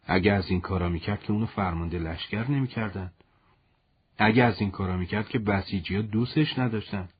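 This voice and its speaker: Brief: man doing an earnest young soldier, touchy and loyal, low husky voice in a storybook. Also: highs cut off. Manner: indignant, protective of his commander.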